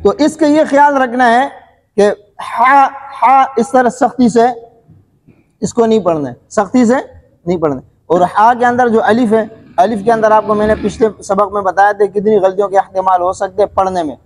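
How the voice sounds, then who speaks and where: A male tajweed teacher with a fairly high voice, explaining rules patiently and throwing questions at his class before answering them himself. He clears his throat and coughs from time to time, and his words ring out with a long reverb. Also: slight background noise. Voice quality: repetitive question-and-answer teaching, frequent filler phrases. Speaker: Quran recitation teacher.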